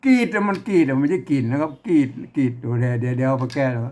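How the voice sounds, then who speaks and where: A man with a Northern Thai accent teaching an informal reading lesson, slowly working through an old manuscript, repeating words as he deciphers them and chuckling often. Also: medium pitch, lively intonation, darkish tone.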